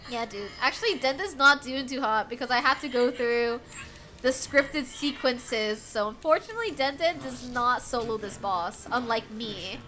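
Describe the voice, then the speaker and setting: With a fairly high voice at normal speed, the young woman from the United States chats casually with her stream while playing, laughing often. Faint game music sits in the background as she stays animated and giggly, bursting into laughter again and again.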